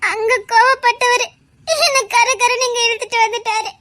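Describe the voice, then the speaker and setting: A young wife with a Tirunelveli accent weeps and pleads in a web drama, her voice breaking, as a woman acts her out. Her voice sits very high, bright and sharp. Every line carries the sob of someone hurt. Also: little pitch movement, normal speed. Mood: tearful. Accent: Tirunelveli Tamil. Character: tearful young wife, hurt and feeling betrayed. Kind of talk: web series drama acting.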